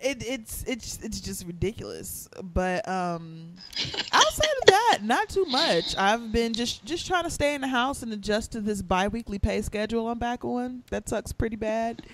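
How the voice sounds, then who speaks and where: A man co-hosting a podcast in a laid-back, rambling chat, his voice faint and muffled as if coming through a wall from a quiet room. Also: very high-pitched, big pitch swings, moderate pace, a little hiss or hum. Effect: sounds far away and muffled, as if heard through a wall. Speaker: podcast co-host. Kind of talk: casual chat. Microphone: far from his microphone, in a quiet room.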